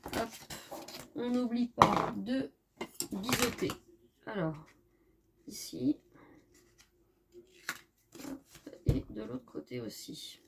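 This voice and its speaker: A woman's voice: a little high, lively intonation, drawn-out words, creaky, pauses often, very noisy. Chatty woman with many fillers. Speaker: scrapbooking crafter. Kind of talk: casual craft tutorial.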